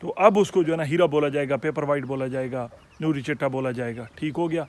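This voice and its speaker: A man's voice: on the high side, fast talker, a little mellow. A man from Pakistan, a poultry breeder hosting a casual instructional video and explaining patiently to viewers he calls friends, checking in often with "theek hai". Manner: friendly, addresses viewers as friends and fellow hobbyists. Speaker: poultry breeder and channel host.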